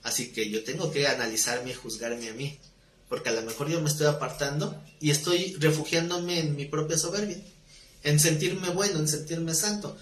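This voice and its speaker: A man's voice: fairly high pitch, fairly even intonation, moderate pace, a little hiss or hum. A man preaching a live sermon, speaking conversationally with rhetorical questions and light jokes. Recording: roomy live-stream audio.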